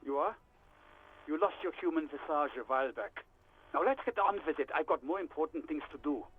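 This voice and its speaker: A man's voice: on the high side, expressive, fairly quick, slightly rough. An actor playing an irritable, sarcastic male doctor speaking over a radio line. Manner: curt, sarcastic. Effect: radio transmission. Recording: tinny radio line with static.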